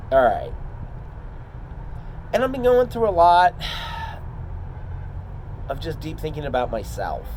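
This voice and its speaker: A man talking casually and confidingly, as in a vlog, in a halting, rambling, reflective way. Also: fairly high pitch, a little mellow, a little hiss or hum, rough recording. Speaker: trainee wrestler.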